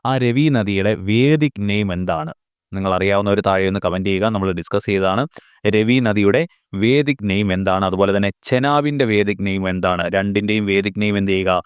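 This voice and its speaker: A man's voice: on the low side, smooth, no room sound, studio quality. A male exam coach teaching a recorded lesson, asking rhetorical questions and answering them himself, repeating key facts. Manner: repeats key facts, mixing English terms into Malayalam; reads English exam questions slowly.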